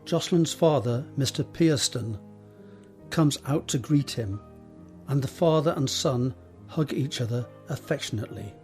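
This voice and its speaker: A man narrates scripted scene directions in a measured, descriptive way, pausing deliberately. His voice is a little high and a little mellow.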